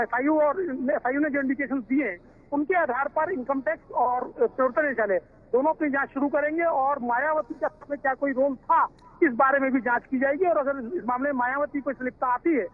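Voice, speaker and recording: A male correspondent reports live over a tinny, narrow phone line. He speaks off the cuff with halting fillers. His voice comes through very high-pitched. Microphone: telephone.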